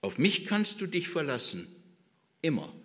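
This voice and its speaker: A man's voice: fairly high pitch, wildly swooping pitch, unhurried, a bit bright, long reverb tail, full character voice. A man playing the disciple Peter, protesting his loyalty with indignant emphasis.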